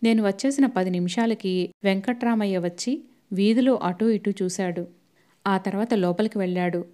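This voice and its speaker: A woman reading a novel aloud as an audiobook narrator. Her voice is mellow and warm at a medium pitch. She keeps the storytelling steady and even. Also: normal speed.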